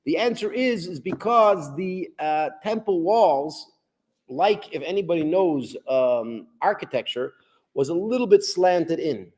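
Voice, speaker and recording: A man's voice: fairly high pitch, animated, measured pace, a little mellow. Man, rabbi teaching Talmud; loose, repetitive lecture delivery. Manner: repetitive, rambling, asks rhetorical questions. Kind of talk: explanatory lecture.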